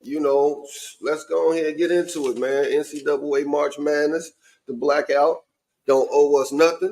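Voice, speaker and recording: This podcast host's voice sits on the high side and sounds a little mellow. He is casually talking sports with friends, keeping things informal and colloquial.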